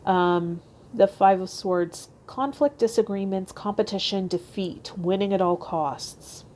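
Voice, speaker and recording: A woman who hosts a tarot channel reads card meanings aloud and chats casually with her viewers in vlog style. Her voice is medium-pitched with a darkish tone, and she speaks at a measured pace.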